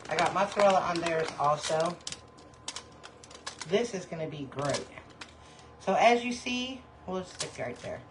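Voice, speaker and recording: A woman's voice: on the low side, lively intonation, measured pace, long pauses, noisy background. Chatty woman cooking live. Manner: chatty, addresses viewers as y'all. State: out of breath, hot. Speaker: cooking livestream host. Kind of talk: casual live cooking chat. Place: home kitchen. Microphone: phone livestream.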